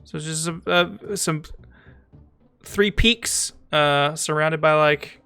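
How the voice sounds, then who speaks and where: A man streaming a strategy game, chatting casually, thinking aloud, talking to his chat, and sometimes reading game text aloud slowly. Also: a little high, creaky, sharp tone, clear, resonant tone, faint music behind. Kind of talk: casual gameplay commentary.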